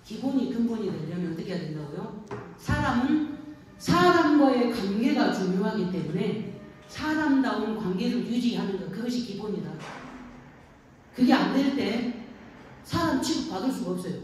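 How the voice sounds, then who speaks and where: Woman pastor, folksy call-and-response sermon, slightly high voice, distant mic in a reverberant room. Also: expressive, moderate pace. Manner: folksy storytelling, frequent call-and-response questions. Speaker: pastor at an elder care center. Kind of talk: sermon to elderly congregation. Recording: echoey room, distant mic, faint noise.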